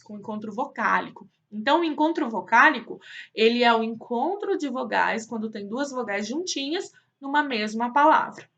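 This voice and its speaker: A woman teaching young children online, in a sing-song, drawn-out way, asking questions and answering them herself. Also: on the high side, fairly bright tone, dull audio. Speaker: primary school teacher.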